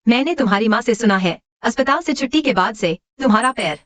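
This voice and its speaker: A woman dubbing a sharp-tongued, protective young woman in a short drama, firm and scolding. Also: on the high side, expressive, quick pace.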